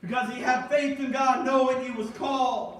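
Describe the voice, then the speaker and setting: A sermon rings through a reverberant sanctuary, the preacher well back from the mic and his voice unusually high for a man, fairly bright, with little pitch movement. Starting with measured reading, he builds toward emphatic exhortation as the congregation calls back responses.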